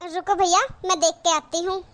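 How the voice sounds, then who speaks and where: A woman voicing a bright chatty young sister. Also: very high-pitched, flat delivery, moderate pace. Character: cheerful young married sister visiting her brother. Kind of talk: cartoon voice acting.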